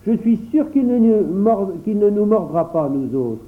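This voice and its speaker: A gentle little boy, fond and earnest, put on by a man reading a storybook. The voice is raised well above the reader's own. It comes through tinny, like a phone line. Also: sits high, very animated, moderate pace, pitched above the performer's own voice. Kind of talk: storybook narration.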